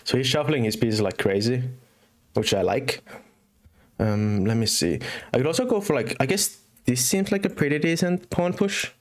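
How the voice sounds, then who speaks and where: A man's voice: medium pitch, moderate pace. Finnish young man chatting over chess. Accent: Finnish, with British and American English mix. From Finland. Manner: chatty, thinks aloud with many fillers and restarts. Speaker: chess streamer. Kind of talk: casual live-stream commentary.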